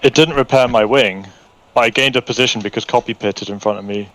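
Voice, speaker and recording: A man streaming a sim race, calmly talking through pit strategy in casual chat. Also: mid-range voice, rough recording. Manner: calm, measured, thinks strategy aloud. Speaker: streamer racing online.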